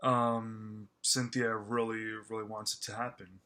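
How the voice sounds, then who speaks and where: A man's voice: fairly low pitch, level tone, pushed and bright. A man giving a casual spoken film review, gushing and stammering with lots of fillers and restarts. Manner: stammering, halting with many fillers; gushing and enthusiastic. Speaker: movie reviewer.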